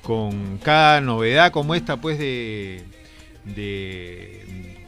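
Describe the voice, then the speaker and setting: A man co-hosting a radio show with a Peruvian accent, affable and full of quick agreements. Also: fairly low pitch, over music. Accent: Peruvian Spanish. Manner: affable, lots of backchannel "claro", "así es". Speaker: radio co-host.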